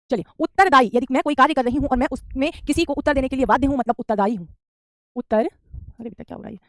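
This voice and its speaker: A woman with a fairly high voice teaches a spelling class at a rapid pace. She repeats each correct word and speaks straight at her students. The recording is close and dry. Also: dry recording. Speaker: Hindi teacher. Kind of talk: online spelling lesson.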